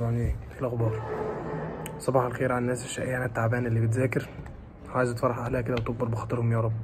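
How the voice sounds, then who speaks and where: A man with an Egyptian Arabic accent giving students a fast, pleading and scolding pep talk, repeating his phrases. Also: medium pitch, noisy background. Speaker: motivational talker for exam students.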